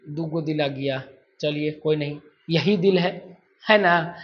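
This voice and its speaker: A man's voice: a little high, slow pace. A man teaching grammar, drilling sounds aloud and answering his own questions. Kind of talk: classroom-style lesson. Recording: dull lo-fi sound.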